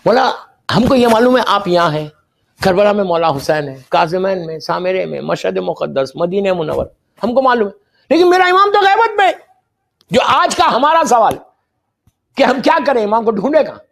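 A man with a high voice delivers a religious sermon with great passion. He drops to a hush while telling a story, then climbs into loud, pleading appeals to his listeners. English words slip into his speech now and then. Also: animated, gravelly. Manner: impassioned, swinging from hushed storytelling to loud pleading exhortation. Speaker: preacher.

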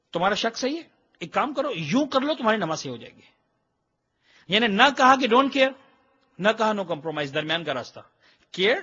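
A man with a high, bright and slightly husky voice teaches a religious class. He explains things emphatically and drops English phrases in as he goes. The recording sounds dull and lo-fi. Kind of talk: religious lecture.

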